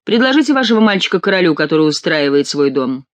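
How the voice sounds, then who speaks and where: A man's voice: a little high, sing-song, fast talker, no room sound. A man reading an audiobook, voicing a bored, fretful young male courtier with a peevish, complaining delivery.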